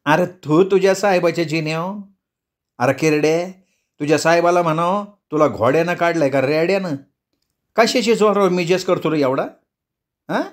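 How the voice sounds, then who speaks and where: A fierce village woman lashes out in a scolding, threatening tone, as a man puts her on. Her voice sits higher and louder than plain storytelling speech. It is a spoken story reading. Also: moderate pace, natural voice. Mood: furious. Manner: scolding, threatening, sharp-tongued.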